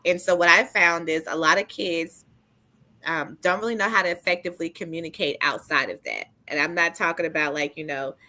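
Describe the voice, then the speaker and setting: A woman's voice: fairly low pitch, fairly quick, pushed and bright. A middle-aged woman speaking as a panel guest in a casual discussion, earnest and chatty, often laughing lightly between points.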